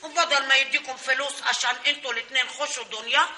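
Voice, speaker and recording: A stubborn rich old aunt speaks smugly in this old comic stage play. Her voice is high and bright, her pace brisk. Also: steady tone.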